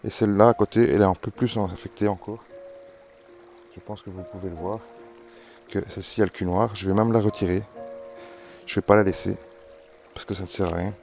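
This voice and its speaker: Rambling Belgian man, low voice. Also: steady tone, brisk, creaky, long pauses, darkish tone, faint music behind. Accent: Belgian French. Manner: rambling, many hesitations and restarts. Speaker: amateur gardener presenting tomato seeds. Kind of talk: casual garden vlog. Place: vegetable garden outdoors in hot weather.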